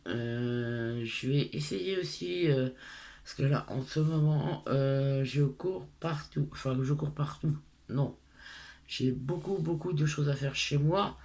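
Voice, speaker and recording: A woman's voice: deep voice, slow, mellow. A middle-aged woman from France with a lisp on her s sounds, chatting casually to her followers in a hesitant, rambling, self-deprecating way. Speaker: craft tutorial vlogger.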